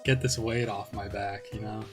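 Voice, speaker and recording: A man's voice: lowish voice, steady tone, normal speed, music in the background. A young man joking through a casual comedy chat, trading puns and laughing often. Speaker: co-host.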